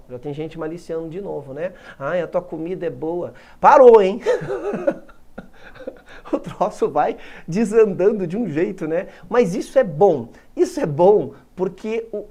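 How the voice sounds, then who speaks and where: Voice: medium pitch, a little mellow, slightly rough. A teacher with a Brazilian accent giving a recorded grammar lesson, joking and asking rhetorical questions. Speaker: English teacher.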